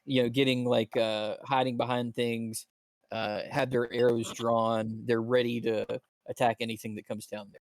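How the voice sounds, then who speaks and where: A man runs a tabletop game for his players, stumbling through his scene descriptions with plenty of fillers and restarts. His voice sits at a middle pitch, and the sound is close and dry, with almost no room echo. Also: flat delivery. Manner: halting, full of fillers and restarts. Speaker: dungeon master.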